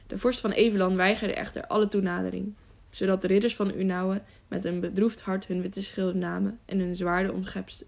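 A woman's voice: medium pitch, gravelly, a little mellow. A woman narrating an audiobook, reading steadily with small slips.

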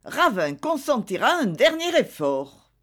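Woman reading a dramatic wife making excuses, voice swoops up and down, slow. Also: a little high, very animated, pitched above the performer's own voice. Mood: commanding. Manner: theatrical, pleading then commanding. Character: extravagant wife, self-justifying and coaxing.

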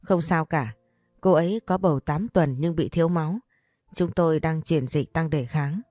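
Woman reading out a businesslike doctor, dry close sound, soft music. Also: sits low, moderate pace, dry recording. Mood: calm. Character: matter-of-fact doctor.

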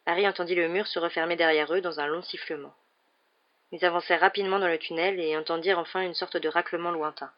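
A woman narrating an audiobook in a measured, even reading voice. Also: fairly low pitch, highs cut off. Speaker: audiobook reader.

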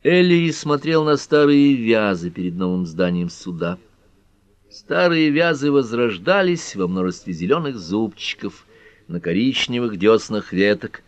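Low-voiced man narrating an audiobook. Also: dry recording. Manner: measured storytelling, acts out each figure. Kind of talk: scripted narration. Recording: dry, slightly dull lo-fi audio.

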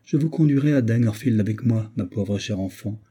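A man voicing an older, fussy, motherly gentlewoman who talks in an effusive, doting way. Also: fairly low pitch, moderate pace, slightly rough.

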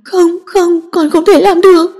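A woman's voice: very high voice, fairly even intonation, measured pace, warm tone, pitched above the performer's own voice. Woman doing a sobbing young girl. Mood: pleading. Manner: sobbing, begging. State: crying. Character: tearful pregnant girl of nineteen, pleading. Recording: long echoing reverb.

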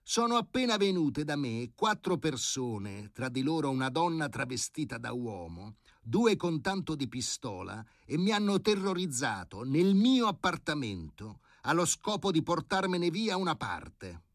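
A man's voice: fairly high pitch, sing-song, a little slow, few pauses, dry recording, studio quality, voice pushed up. A man reading an audiobook, voicing an indignant aging male professor who speaks with haughty, scornful politeness.

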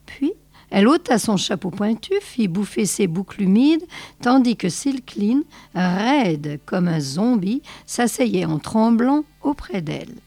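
A woman reading a short story aloud in a slow, measured way on a close mic. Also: medium pitch, dark tone, dry recording. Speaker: reader.

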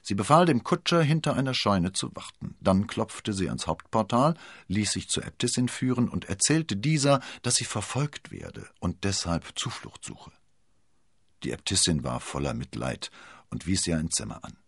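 A male storyteller with a very low, husky voice and a lively, rolling intonation. He narrates a scripted tale dramatically, recorded dry and close. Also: moderate pace, no echo.

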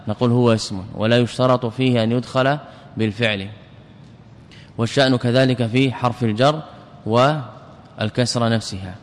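A man's voice: mid-range voice, big-room sound, a little hiss or hum. A man teaching classical Arabic grammar in a recorded lesson, methodical and repeating key terms as he explains.

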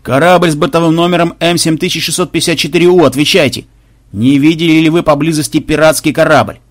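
A man doing a booming imperial flagship announcer. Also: fairly even intonation, fast talker, dry recording, studio quality, natural voice. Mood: commanding. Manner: formal, repetitive official commands.

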